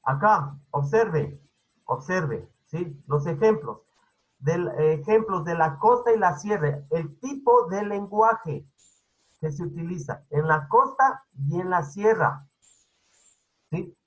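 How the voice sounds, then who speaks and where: A man's voice: sits high, lively intonation, takes it slowly, low-quality recording. A male teacher giving an online class over a video call. He keeps checking understanding with "¿sí?" and repeats his points. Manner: repetitive, instructive.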